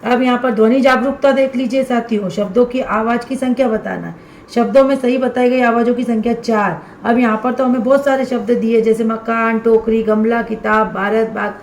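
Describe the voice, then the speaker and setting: A woman's voice: on the high side, steady tone, normal speed, roomy sound, slight background noise. A woman primary school teacher explaining step by step how to fill in a student assessment workbook for fellow teachers. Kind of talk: instructional walkthrough for teachers.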